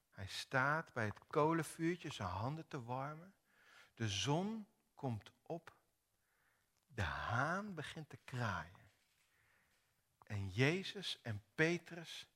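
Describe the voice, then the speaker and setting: A man preaching a sermon, retelling a story dramatically with lively acted-out dialogue. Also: medium pitch, slow pace, pauses often, slightly rough.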